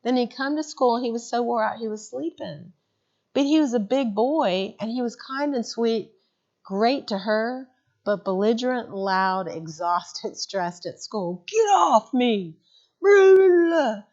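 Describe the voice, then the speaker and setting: Lady trainer telling stories, lively, kinda muffled lo-fi sound. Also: on the high side, unhurried. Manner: animated storyteller who acts out quotes. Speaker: mental health trainer. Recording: muffled lo-fi recording.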